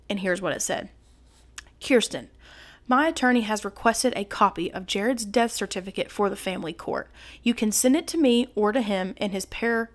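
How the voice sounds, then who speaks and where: A woman hosting a true crime podcast, talking to listeners in an indignant, conversational way with frequent asides. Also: medium pitch. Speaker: podcast host.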